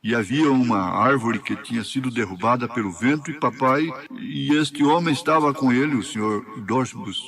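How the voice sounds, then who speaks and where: A man with a Brazilian accent interpreting a sermon line by line, steady and faithful. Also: medium pitch, moderate pace, crowd noise.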